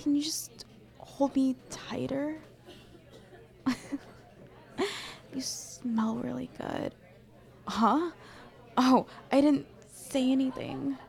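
A young woman voicing a jealous girl who confesses her feelings to a friend, speaking softly and intimately to the listener. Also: sits high, steady tone, extremely slow, creaky, pauses often, exaggerated voice. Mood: shy, affectionate. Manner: soft, intimate, addressing the listener directly. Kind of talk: audio roleplay to a listener.

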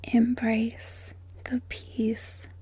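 A woman whispering a sleep hypnosis script in a slow, soothing, repetitive way. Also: a little high, completely flat delivery, mellow, dry recording. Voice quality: breathy.

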